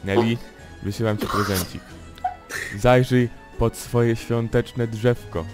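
A man hosting a casual gaming chat, excitable, laughing and swearing often. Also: mid-range voice, slow pace, faint music behind. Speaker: group host.

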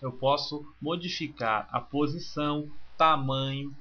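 A man, teaching software in a screencast and calmly walking through each click step by step. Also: on the high side, measured pace. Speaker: software instructor. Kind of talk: screencast tutorial. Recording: slightly muffled with faint hiss.

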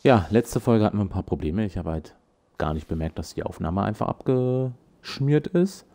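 Deep-voiced laid-back man commentating. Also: lively intonation, moderate pace, mellow. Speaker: gaming video host. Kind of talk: casual let's play commentary.

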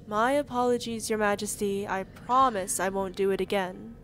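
A woman's voice: mid-range voice, steady tone, moderate pace, a bit bright, a little hiss or hum, lightly acted. A woman voicing a deferential, apologetic female rabbit servant, polite and formal, in an audio roleplay drama. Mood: anxious, deferential.

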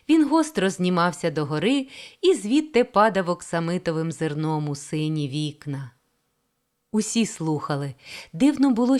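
Female audiobook narrator, calm measured reading, low-pitched, animated intonation. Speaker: audiobook reader. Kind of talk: scripted narration.

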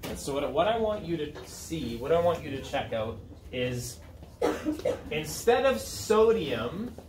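In a slightly slow, a little mellow voice on the high side, a male chemistry teacher in his thirties speaks very animatedly to his high school class. He teaches conversationally, asking students questions and checking on them as he goes. The roomy recording, with room noise, comes from a camera mic set well back.

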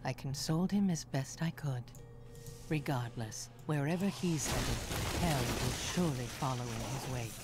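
Grave witch under loud music. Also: extremely low pitch. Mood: grave, foreboding. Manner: solemn, measured. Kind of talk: video game journal narration. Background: loud game music.

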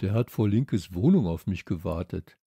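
A man's voice: sits low, expressive, moderate pace, vocal fry, mellow, slightly rough, no room sound, studio quality, heavily acted. A man voicing a good-natured schoolboy in a children's audiobook, talking in loose street slang. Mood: casual.

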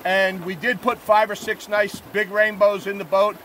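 A fishing guide with a fairly high voice gives a fishing report from a boat outdoors, relaxed and plainspoken with lots of "uh"s. He talks to a camera mounted on the boat at arm's length, and faint rushing river water runs under his voice. The audio is poor.

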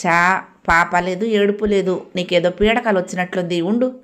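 A woman playing a gentle worried mother-in-law. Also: fairly low pitch, steady tone, moderate pace, lightly acted. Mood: concerned. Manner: soothing, concerned. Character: caring middle-aged mother-in-law, gentle and soothing.

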